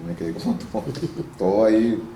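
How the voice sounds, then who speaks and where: Man with a low voice. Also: fast talker, vocal fry. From Venezuela. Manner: explanatory, lively storytelling with restarts. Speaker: interviewee, actor and voice-over artist. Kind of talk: casual interview. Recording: roomy room with faint noise.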